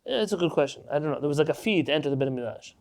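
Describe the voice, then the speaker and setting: A man leads a Talmud lesson with a somewhat raised pitch, working through each passage step by step. He often poses a question to the class and then answers it himself. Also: lively intonation, very fast, vocal fry, a little mellow. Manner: explains step by step, asks and answers own questions. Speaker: Torah class teacher.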